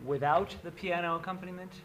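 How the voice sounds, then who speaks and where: A record announcer giving a formal spoken announcement in a rapid, clipped delivery, heard as an old recording. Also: mid-range voice, fairly even intonation.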